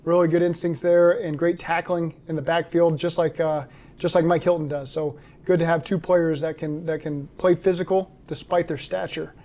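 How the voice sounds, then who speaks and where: A head coach answering interview questions and then breaking down game film in a steady, matter-of-fact way. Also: male voice, fairly high pitch, normal speed.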